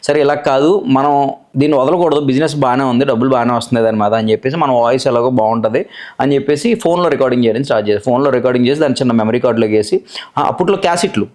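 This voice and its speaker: A man with a Godavari Telugu accent tells how he built his voice-over career in a casual interview. He talks very quickly, with a chatty, self-assured manner. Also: medium pitch, darkish tone. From Godavari region, Andhra Pradesh, India. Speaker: voice-over artist, guest.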